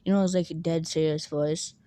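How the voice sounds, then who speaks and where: A woman's voice: deep voice, fairly even intonation, quick pace, dark tone, dry recording. A woman casually retelling a fan story in a rambling way, full of fillers, now and then acting out the characters' lines.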